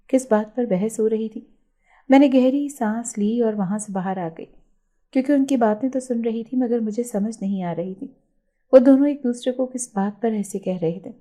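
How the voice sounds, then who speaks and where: A woman calmly narrating a first-person story, reading the dialogue in her own even voice. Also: a little high.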